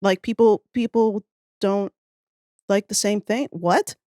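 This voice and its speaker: Her voice is medium-pitched, slow and mellow, recorded with clean studio sound and no room sound. As a guest on a podcast, the audio fiction writer chats and reminisces with rambling enthusiasm and self-deprecation.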